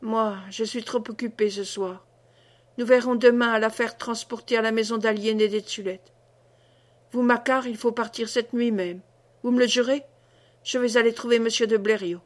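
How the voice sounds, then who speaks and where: A woman reading the part of a nervous, hurried middle-aged man in an audiobook. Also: fairly high pitch, fairly even intonation, lightly acted. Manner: hurried, stammering.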